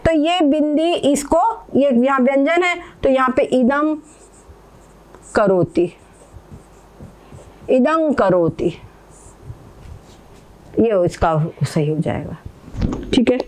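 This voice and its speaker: A woman with a high voice teaches a pronunciation lesson. She explains patiently, says each example word slowly more than once, and keeps asking whether the learners have understood. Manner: patient, repeats words slowly, checks understanding. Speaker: Sanskrit teacher.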